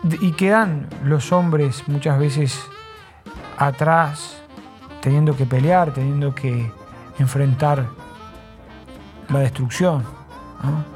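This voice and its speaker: Reflective radio host, slightly high voice. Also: male voice, darkish tone, soft background music. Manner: unhurried, reflective, with frequent tag questions. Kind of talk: radio commentary between songs.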